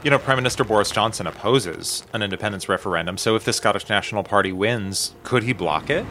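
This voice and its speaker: A man hosting a radio news program, putting direct, measured questions to a correspondent. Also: lowish voice, noisy background.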